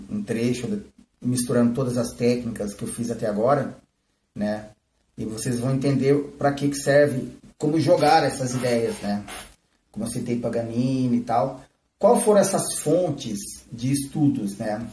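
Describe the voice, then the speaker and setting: A man's voice: mid-range voice, warm tone. A man giving a live flute lesson, explaining techniques and often checking in with "né?" and "tá?". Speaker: flute teacher. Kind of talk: live-streamed music lesson. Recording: roomy, from a distance.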